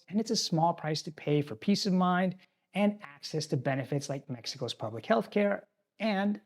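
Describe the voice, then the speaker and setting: Speaking straight to camera in a scripted explainer, an expat-channel host from a tropical island offers advice about life abroad. His voice is fairly high with a warm tone.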